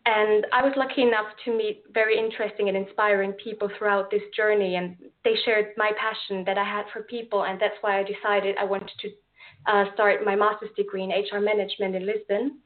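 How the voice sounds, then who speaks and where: A friendly, earnest young Austrian-accented woman joins a casual interview by phone-like call as a guest who organizes events. Her medium-pitched voice shows little pitch movement and moves fairly quickly, sprinkled with fillers and restarts.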